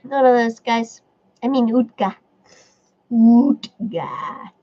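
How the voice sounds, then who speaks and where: A woman hosts a casual live stream with a stuffy nose, reading viewer comments aloud and chatting back. Her voice is a little high and measured in pace, and the stream audio is dull and lo-fi.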